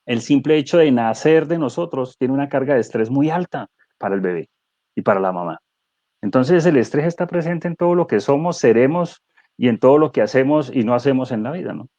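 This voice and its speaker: A man speaking as a guest neuro-coach in a conversational webinar, animated and explanatory, asking rhetorical questions. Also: medium pitch, brisk, dry recording, muffled recording.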